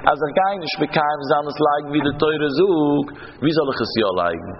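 A man with a slightly high voice leads a traditional Talmud lesson, his phrases rising and falling in a study singsong. The recording is dull and muffled, with a long hall reverb and a faint hum of background noise beneath him. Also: lively intonation, normal speed. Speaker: Talmud teacher.

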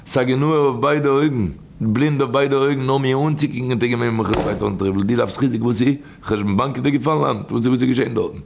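A man preaches a storytelling sermon in a rough, gravelly voice of middling pitch. He repeats his key phrases again and again, leaning on them with emphatic swings up and down. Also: fairly quick, hardly any pauses, noisy background. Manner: repetitive, emphatic, with sudden rises and drops in pitch.

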